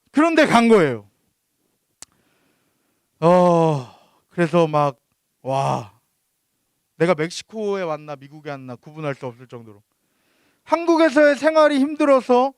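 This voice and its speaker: A man's voice: very high-pitched, dry recording, studio quality. A youth pastor in his thirties giving a sermon. He tells a personal story and often turns to ask the teenagers questions.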